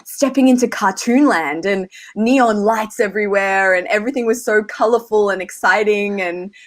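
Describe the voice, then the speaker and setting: A woman's voice: mid-range voice, normal speed. A woman with an Australian accent hosting a casual livestream chat, talking with lots of "like" fillers. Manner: chatty, many "like" fillers. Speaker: host.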